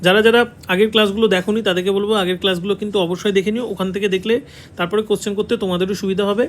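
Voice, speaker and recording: A man's voice: sits high, fairly even intonation, very fast. A man with a Bengali accent teaching an online exam-prep lesson, repeating the key answers and checking in with his students. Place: classroom with a board.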